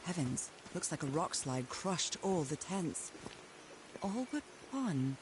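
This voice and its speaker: An actress voicing a curious young woman explorer in a game, with a thoughtful, quietly wondering way of talking. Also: deep voice, sing-song, slow, noisy background, heavily acted. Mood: somber. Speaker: game protagonist.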